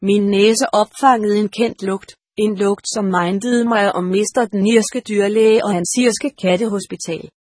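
A woman narrating a storybook in an even, measured reading. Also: mid-range voice, husky, no echo, clean studio sound. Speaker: audiobook narrator.

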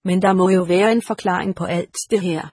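A woman's voice: on the low side, fairly even intonation, darkish tone, husky, no room sound, studio quality. Woman voicing an anxious young soldier's ghost. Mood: worried. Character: young male soldier ghost, bewildered and earnest. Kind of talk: audiobook character reading.

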